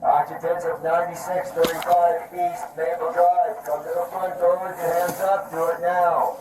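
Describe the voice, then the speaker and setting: Police man through a loudspeaker. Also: a little high, flat delivery, moderate pace, background noise. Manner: firm repeated commands. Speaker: police officer. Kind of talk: police announcement. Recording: echoey loudspeaker from far off.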